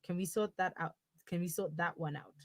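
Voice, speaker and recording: Brief: woman voicing a sarcastic young girlfriend in the wrong body, comic audio drama, lowish voice, dead dry sound. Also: fairly quick, no room sound, close to an everyday voice. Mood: teasing. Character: blunt young woman stuck in her boyfriend's body.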